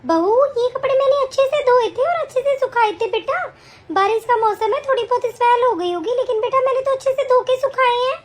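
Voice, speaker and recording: Put-upon old mother-in-law, high and plaintive, grumbling under her breath, a woman playing her. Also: animated, fairly quick. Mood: placating. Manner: pleading, complaining to herself. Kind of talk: amateur family drama acting.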